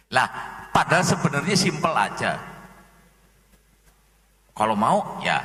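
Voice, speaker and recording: A man giving an animated seminar talk as a researcher, explaining with lively examples. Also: high-pitched. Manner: animated, switches into playful dialect role-play. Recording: echoey hall from a distance.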